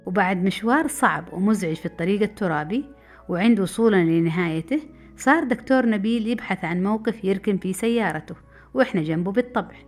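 A middle-aged woman from Saudi Arabia, telling a personal memoir story in a brisk, lively way. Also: mid-range voice. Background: faint background music.

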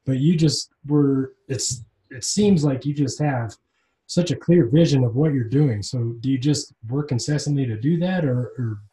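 A man's voice: mid-range voice, moderate pace. Casual male interviewer in a roomy space. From Northern Arizona. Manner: relaxed, informal, short acknowledgments. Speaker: interviewer host. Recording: roomy echo.

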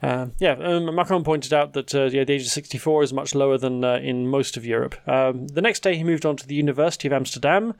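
A man's voice: mid-range voice, quick pace, creaky, hardly any pauses, no room sound. Chatty male podcast host, dry sound. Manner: chatty, stammers and restarts often. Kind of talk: casual news chat podcast.

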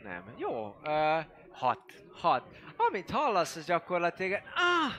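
A man's voice: a little high, wildly swooping pitch, a bit bright. A man running a tabletop game as game master, narrating in a rambling, hesitant way with many fillers.

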